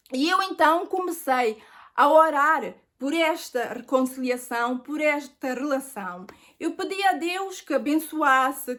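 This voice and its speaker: A woman's voice: sits high, a bit bright. A middle-aged woman with a European Portuguese accent, telling an earnest personal faith testimony and addressing viewers as friends.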